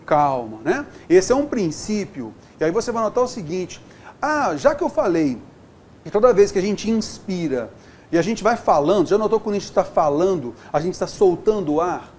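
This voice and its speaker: A Brazilian man teaching an exam-prep lesson in a chatty, upbeat way, with his pitch swinging lively up and down. He keeps checking in with the viewer. A faint hum sits behind his voice. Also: normal speed. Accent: Brazilian Portuguese. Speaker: Portuguese teacher.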